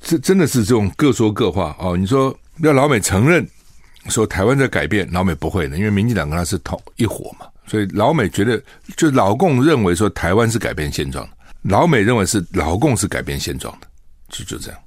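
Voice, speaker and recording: Older guy w taiwanese mandarin accent, fast animated talk, dry close sound, lots of rhetorical questions. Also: fairly low pitch, slightly rough, no room sound. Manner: conversational, rhetorical questions, acts out both sides. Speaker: host. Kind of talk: solo political commentary.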